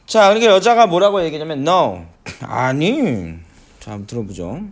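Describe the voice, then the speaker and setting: A middle-aged man teaching an English listening lesson, breaking down phrases slowly with many fillers and frequent checks that students follow. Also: a little high, very animated. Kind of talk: classroom lecture explaining pronunciation.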